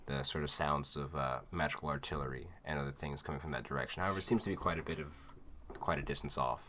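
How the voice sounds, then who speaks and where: Very deep-voiced man running a tabletop game. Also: fairly even intonation, quick pace, a bit bright, slight background noise. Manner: rambling, many fillers, casual swearing. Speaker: game master. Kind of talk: narrating a tabletop game live.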